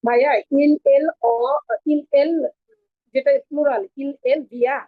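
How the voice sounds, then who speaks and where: A woman's voice: high voice, fairly even intonation, takes it slowly, narrow, tinny audio. A woman with a Bangladeshi Bengali accent, a student in an online class, eagerly checking pronunciation with her teacher.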